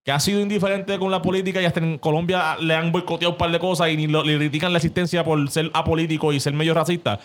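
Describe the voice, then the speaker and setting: A Puerto Rican man hosting a casual podcast, giving blunt, profane opinions in Spanglish, switching between Spanish and English mid-sentence. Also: a little high. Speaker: podcast host.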